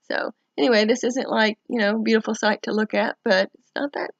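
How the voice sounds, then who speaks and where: Gravelly-voiced woman, casual and halting. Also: fairly high pitch, fairly even intonation, dry recording, lo-fi sound. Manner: hesitant, halting, with many pauses. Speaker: vlogger documenting recovery from eyelid surgery. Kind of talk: casual first-person update to camera.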